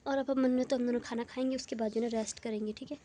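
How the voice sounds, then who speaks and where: A woman's voice: on the high side, fairly even intonation, very fast, warm tone, a little hiss or hum. A young woman with a head cold, chatting casually to viewers as a family vlogger at home. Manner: chatty, talks straight to viewers. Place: home, indoors.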